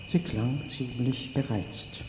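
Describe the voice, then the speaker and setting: A man reading a children's story aloud as narrator, in an expressive way. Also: mid-range voice, slow pace. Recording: echoey room with long reverb, faint noise.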